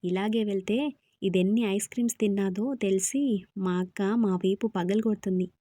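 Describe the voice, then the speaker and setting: A woman's voice: mid-range voice, steady tone, moderate pace, warm tone, dry recording, studio quality, close to an everyday voice. A woman voicing a frightened young woman pleading for help in a storybook. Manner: pleading, tearful.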